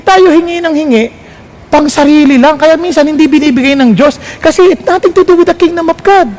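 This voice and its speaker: A man with a Filipino accent preaching a sermon, mixing Tagalog and English, asking the audience questions and swinging his pitch up for emphasis.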